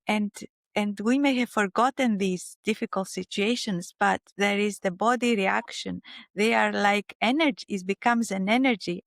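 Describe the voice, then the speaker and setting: A woman with a Greek accent, a spiritual teacher speaking as an interview guest in a gentle, searching way with frequent restarts. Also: medium pitch, creaky, no echo, studio quality. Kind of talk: reflective interview talk.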